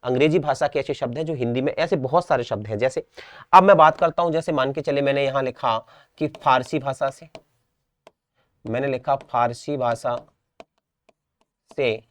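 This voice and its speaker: A young man from India, accented in Rajasthani Hindi, runs an exam-prep lesson built on repetition, drilling words and checking comprehension. He talks at a normal speed with long pauses in a medium-pitched voice, captured in a dry recording.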